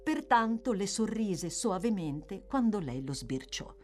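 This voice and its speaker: Expressive woman reading a classic novel. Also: medium pitch. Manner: expressive, measured. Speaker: audiobook reader. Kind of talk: literary audiobook narration.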